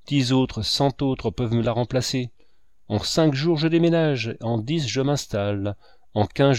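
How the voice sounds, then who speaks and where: A man voicing a proud, brutal male painter who mocks and shouts at his rival. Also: medium pitch, no room sound, studio quality, natural voice. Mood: sneering. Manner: loud, mocking, shouting.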